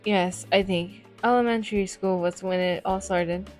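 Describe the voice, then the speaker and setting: A woman's voice: medium pitch, fairly even intonation, normal speed, faint music behind, lightly acted. A woman voicing a shy, flustered, modest student in an anime fan dub, hesitant, apologetic and prone to stammering. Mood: shy, confiding.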